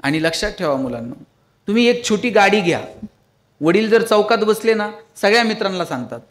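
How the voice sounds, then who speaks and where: This public speaker's voice sits high, with lively intonation and a brisk pace. Addressing an audience in a motivational lecture, he tells funny stories and pleads with them.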